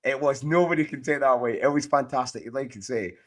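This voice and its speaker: Hosting a casual fantasy football podcast, this man from Scotland speaks with a Scottish accent and a hoarse voice half gone from shouting. His talk is a friendly, eager ramble, mid-pitched and a little fast.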